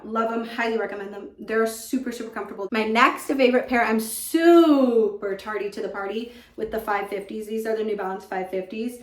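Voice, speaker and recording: A young American woman chats casually and gushingly as a fashion vlogger, repeating words for emphasis, recorded in an echoing bathroom without an external microphone. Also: a little high. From California. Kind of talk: casual chatty favorites vlog. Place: indoors in a home bathroom.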